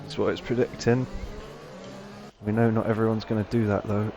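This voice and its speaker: Low-voiced man calling a sim race. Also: over music. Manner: excitable play-by-play, quick reactions. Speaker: race co-commentator. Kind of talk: live sim racing play-by-play. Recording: stream audio with clear background noise.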